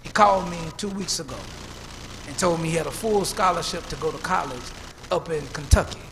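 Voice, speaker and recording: A man's voice: a little high, fairly quick. A man, preaching a sermon as pastor and telling stories in a preacherly way. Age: 50s. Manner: preacherly storytelling, repeats words when building up. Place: church. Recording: church hall reverb, faint room noise.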